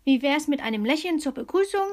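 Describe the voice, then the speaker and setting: A woman's voice: sits high, lively intonation, brisk. A woman voicing a plump, cheeky female luck fairy in a storybook reading, with a sing-song, teasing manner.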